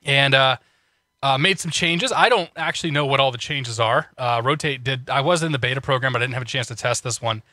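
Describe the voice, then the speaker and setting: A man streams a flight sim and chats casually with viewers, his medium-pitched voice fairly quick, pushed and bright, and slightly congested. He laughs often and keeps restarting sentences, with no echo on the recording.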